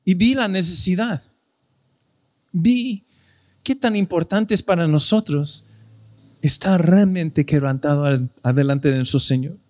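A man's voice: on the high side, measured pace, long pauses, darkish tone. A male pastor preaching a sermon in an earnest, conversational way, often correcting himself.

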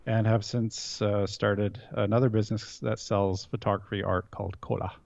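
A man's voice: on the low side, level tone, moderate pace, vocal fry, a little mellow, no echo. A man in his thirties with a Canadian accent, a guest in a casual interview, rambling with many fillers and restarts. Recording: dull, dry lo-fi sound.

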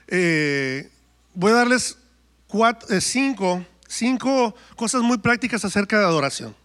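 Guy preaching in church, highish voice, storytelling, does the voices of people he quotes. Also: animated, slow pace, long pauses, a bit bright. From Mexico. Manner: storytelling, acts out quoted dialogue. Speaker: worship singer preaching. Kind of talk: testimony and sermon.

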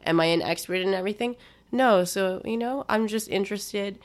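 Chatty, animated woman podcast host. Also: medium pitch, a little fast. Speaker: host, meditation teacher. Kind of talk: casual podcast chat.

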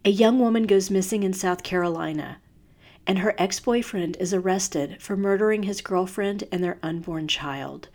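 Female true crime narrator for a podcast: mid-range voice, serious, measured reading of scripted case stories. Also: mid-range voice, darkish tone.

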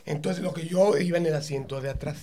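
A Mexican-accented man tells a rambling anecdote in loose, profane slang, peppering every phrase with swear words. His voice sits high for a man. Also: fast talker, warm tone. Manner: profane, slangy anecdote-telling with frequent "güey" and "cabrón". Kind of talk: casual chat, storytelling.

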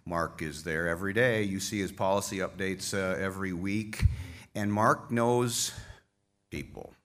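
Man, very deep voice, conference speech, folksy, heartfelt, emotional, stage mic. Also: unhurried, a bit bright. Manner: folksy, self-deprecating humor. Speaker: association leader addressing members. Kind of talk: conference speech thanking staff.

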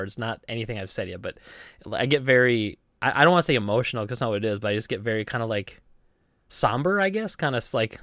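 A man's voice: mid-range voice, fairly bright tone, no echo, studio quality. A man in his late thirties, co-hosting a podcast in casual chat, rambling with many fillers and restarts. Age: 30s. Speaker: podcast co-host.

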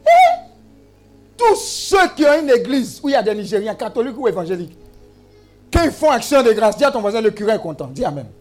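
A man's voice: very high-pitched, huge pitch swings, fairly quick, darkish tone, soft background music. A man preaching a sermon, exclamatory and teasing, with call-and-response to the congregation. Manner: humorous asides and teasing.

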